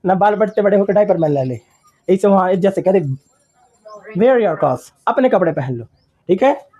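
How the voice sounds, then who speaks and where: A man's voice: high-pitched, expressive, moderate pace, mellow, dull audio. A man teaching English in a classroom, repeating phrases word by word and quizzing his students. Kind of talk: classroom lesson.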